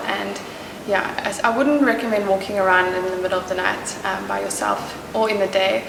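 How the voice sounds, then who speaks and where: A young woman with a South African accent, speaking casually and informatively in an interview. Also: mid-range voice. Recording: very echoey room, distant mic, noisy.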